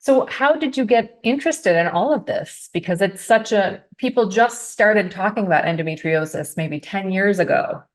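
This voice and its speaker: A woman with a mid-pitched voice hosts a podcast interview. She keeps the talk moving with quick affirmations and conversational questions. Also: expressive. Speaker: podcast host.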